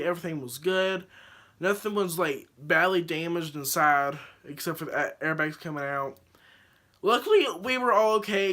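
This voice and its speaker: A teenage boy recounts a story on his phone camera in a loose, rambling vlog style, full of restarts and fillers. His voice sits a little high and has a bright, forceful edge. He gets excitable as he talks. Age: teens. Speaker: vlogger.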